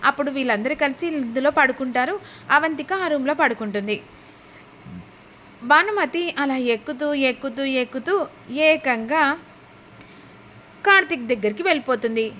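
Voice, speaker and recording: High-voiced woman retelling a serial. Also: expressive, normal speed, long pauses, a bit bright, a little hiss or hum. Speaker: serial recap narrator. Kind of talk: storytelling recap of a TV serial.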